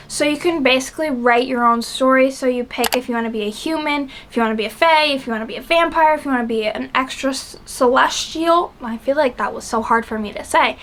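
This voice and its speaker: Chatty high-voiced young woman. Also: a bit bright. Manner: chatty, rambling, lots of fillers. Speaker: book channel host. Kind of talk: casual chat to camera.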